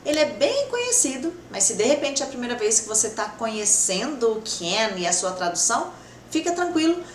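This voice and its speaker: A woman's voice: mid-range voice, fairly bright tone. A woman teaching English grammar with patience and checking in with her students often. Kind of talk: explaining grammar to the camera. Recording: echoey room with faint background noise.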